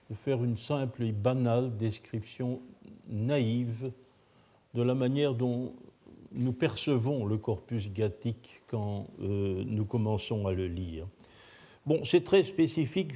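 Older man, lecturing, hesitant with many fillers, dark husky voice. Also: mid-range voice. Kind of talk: academic lecture.

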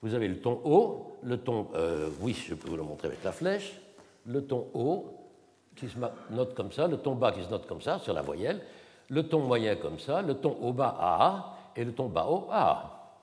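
Lively-voiced male lecturer in a reverberant hall. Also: mid-range voice. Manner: measured, explanatory, demonstrates tones by voice. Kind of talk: academic lecture at a symposium.

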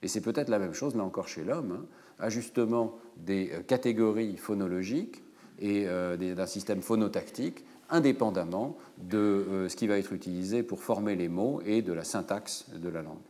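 A man delivers a university lecture in a fairly low voice, working step by step through each point with frequent pauses and hesitations. His voice carries the long reverb of a large lecture hall. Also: mellow. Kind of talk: academic lecture.

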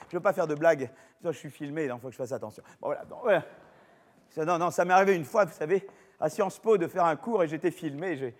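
An older man with a French accent giving a university lecture in a chatty, digressive way, full of fillers and restarts. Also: high voice. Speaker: professor lecturing. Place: lecture hall. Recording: long reverb of a lecture hall.

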